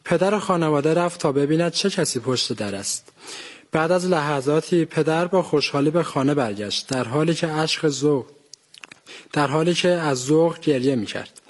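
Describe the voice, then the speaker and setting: A man reading his own short story aloud as a contest entry, plainly and evenly. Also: fairly high pitch.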